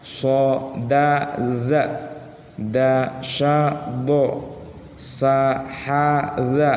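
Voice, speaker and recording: A man's voice: medium pitch, darkish tone. A man teaching Quran reading, over-enunciating each carefully separated syllable in an instructional recitation. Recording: echoey, long reverb.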